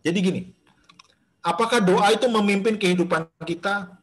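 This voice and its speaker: Man, pastor, Bible study, video call audio, chatty teaching, fillers and restarts, slightly high voice. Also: moderate pace, a bit bright. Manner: conversational, addresses listeners directly, many fillers and restarts. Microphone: video call microphone.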